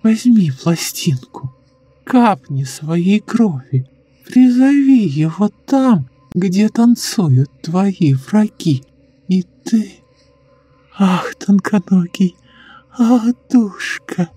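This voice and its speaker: A man voicing a sly, sinister old woman who speaks in a slow, eerily calm coo in a horror audiobook. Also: high voice, slightly rough, dry recording, soft background music, pitched above the performer's own voice, full character voice. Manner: slow cooing, sinister giggles.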